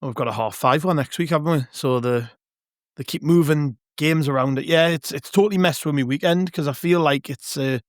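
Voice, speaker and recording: A man with a croaky, hoarse voice, chatting casually about football as a podcast panellist. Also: a little high, a little fast, no room sound, clean studio sound. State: croaky, hoarse voice from shouting at a match.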